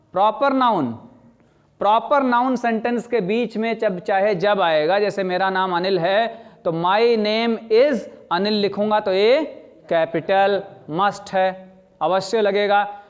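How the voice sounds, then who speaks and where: A middle-aged man teaching a language lesson, explaining slowly, repeating key phrases and asking his students questions. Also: sits high, smooth. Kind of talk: classroom lecture. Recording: slightly dull lo-fi sound.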